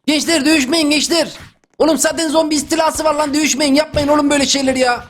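A young man doing a comic dub over gameplay, excitable and yelling in slang. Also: very high voice, quick pace. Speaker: gaming YouTuber.

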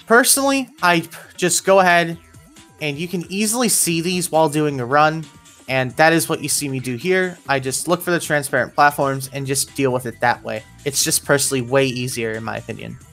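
Over faint background music, a narrator with a medium-pitched, fairly bright voice briskly guides players through a game level. The delivery is instructional and step by step, like a scripted walkthrough.

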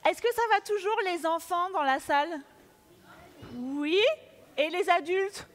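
Speaking unhurriedly in an extremely high-pitched voice, a woman emcees a children's award ceremony in a large auditorium. The echoey hall carries audience sounds as she playfully and animatedly coaxes everyone to participate.

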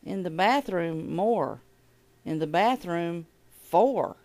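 A woman reading a children's picture book aloud at an elementary school, with an expressive, animated delivery. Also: fairly low pitch, slow pace.

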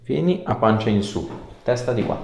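A chiropractor with a creaky, mid-range voice speaks expressively at normal speed, offering a patient short, informal, coaxing instructions and some casual chat as he treats them hands-on. The setting is a small indoor clinic treatment room, echoey, with background noise.

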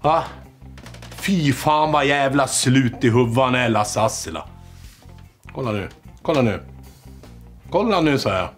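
A man's voice: mid-range voice, long pauses, soft background music, lightly acted. A man playing a boastful, petty small-town wannabe rock singer who rambles and swears constantly, speaking with a small-town Swedish accent. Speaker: comedic character, aspiring songwriter. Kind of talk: mockumentary comedy monologue to camera.

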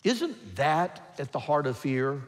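Older man, pastor, slow deliberate sermon, long church reverb. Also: fairly high pitch. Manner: slow, expressive preaching with emphatic gestures. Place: large church sanctuary, at a pulpit. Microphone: pulpit microphone.

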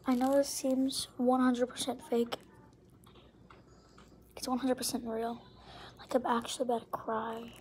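Whiny young woman vlogging, high voice. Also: level tone, unhurried, pauses often, background noise. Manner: whiny, dramatic, drops into whispers. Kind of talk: casual vlog talk to camera.

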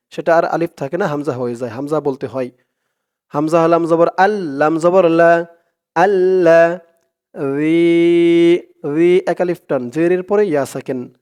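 A man teaching Quran recitation in a step-by-step lesson, with a Bangladeshi accent. He spells out each letter and vowel, then recites the words slowly and drawn out. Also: on the high side, a little mellow.

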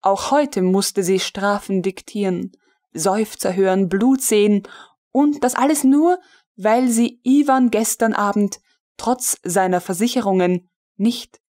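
A woman narrating a literary audiobook in a measured, deliberate way. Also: mid-range voice, dark tone.

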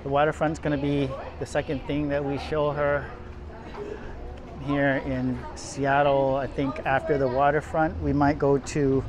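Walking and filming city streets, a vlogger gives a casual, rambling tour full of fillers and restarts. His mid-range voice stays level and unhurried; he's off screen behind the handheld camera, with crowds chattering and traffic going by outdoors.

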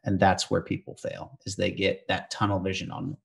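A man with a low voice explains training on a casual podcast. He speaks with an emphatic, instructive tone and presses each lesson firmly. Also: level tone, normal speed, gravelly.

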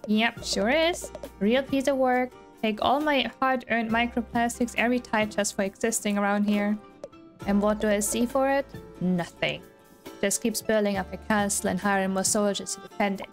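A woman's voice: medium pitch, fairly even intonation, normal speed, lightly acted. Griping snail guy moaning about taxes, read by a lady, game music underneath. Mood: complaining. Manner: complaining, gossipy. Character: grumbling male snail villager. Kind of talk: reading game dialogue aloud.

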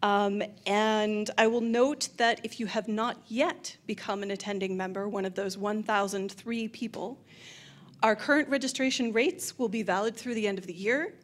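Speaking into a handheld microphone in a large hotel function room, a woman gives a panel presentation as a convention presenter. Her mid-range voice holds a steady tone at a moderate pace, and she sounds upbeat and eager.

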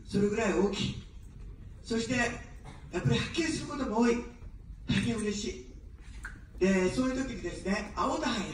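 The recording, a very echoey and distant street PA with a little hiss or hum, captures a woman standing for election. Her mid-range voice is a little mellow. She speaks unaccented standard Japanese in an evening outdoor speech, first joking and then earnestly pleading for votes.

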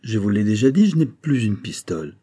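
A man's voice: fairly low pitch, very animated, a little fast, warm tone, slightly rough. A man reading a pleading old grandmother. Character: old grandmother, despairing gambler.

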